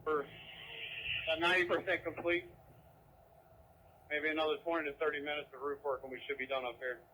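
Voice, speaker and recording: A man's voice: a little high, little pitch movement, moderate pace, bright, forceful tone. A man speaking terse fire and EMS traffic over a two-way radio. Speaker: firefighter or emergency radio operator. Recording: noisy fire scanner radio capture.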